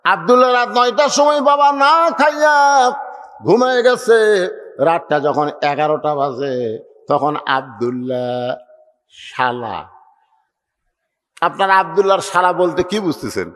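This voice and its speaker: A male preacher tells a story as a sermon. His high-pitched voice swings between loud and hushed, and it rings through a long hall reverb. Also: lively intonation, unhurried, long pauses.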